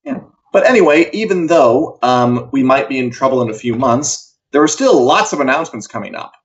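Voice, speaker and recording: Over a video call, a man co-hosting a pop culture live show chats wryly and jokily about the news. His voice is mid-range, expressive and a little fast, captured in dull, lo-fi sound.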